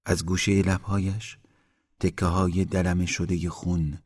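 A man reading a literary story aloud in a slow, measured narration that sinks quieter in grim passages. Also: deep voice, level tone, breathy edge.

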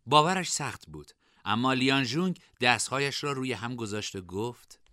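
A man narrating a scripted storybook in an expressive reading style. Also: medium pitch, no room sound, clean studio sound.

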